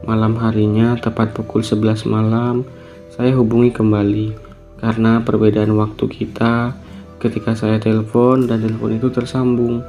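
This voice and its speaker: A man narrates a horror tale in a low, mellow voice that rarely rises or falls. His delivery is calm, subdued and reflective. Gentle guitar plays faintly underneath him. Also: normal speed. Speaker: storyteller. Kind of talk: narrating a true horror story.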